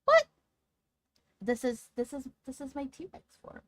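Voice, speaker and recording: A woman livestreamer chatting casually with her audience in a cute, playful, excitable anime-streamer manner. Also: high-pitched, unhurried, a little hiss or hum. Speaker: livestreamer talking to chat.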